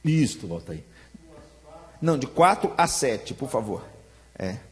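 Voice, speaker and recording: A man's voice: mid-range voice, very animated, unhurried, in a large hall. A man with a Brazilian Portuguese accent, a pastor leading a Bible study in a chatty, joking way, teasing listeners by name. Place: church hall.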